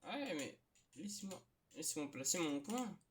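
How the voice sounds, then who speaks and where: A man hosting a gaming video, chatting casually and hesitantly with lots of filler sounds, with occasional excitable outbursts. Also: fairly high pitch, a little slow, slight background noise. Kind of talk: casual gameplay commentary.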